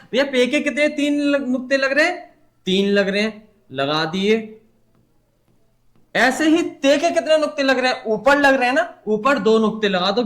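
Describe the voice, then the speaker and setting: A young man teaching a writing lesson at a board, patiently asking and answering his own questions. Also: very high voice. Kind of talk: whiteboard lesson.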